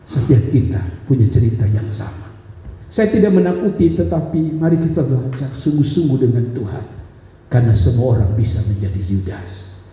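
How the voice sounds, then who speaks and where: A man's voice: animated, moderate pace, warm tone. A male pastor preaching a sermon, telling a story dramatically and speaking straight to the congregation. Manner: dramatic storytelling with wide pitch swings, addressing the congregation directly. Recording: echoey church hall reverb.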